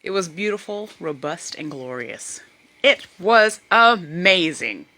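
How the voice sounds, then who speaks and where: Bright-voiced woman telling a funny story. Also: on the low side, slow, a little hiss or hum. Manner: animated, puts on voices for others. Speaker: vlogger. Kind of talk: casual storytelling.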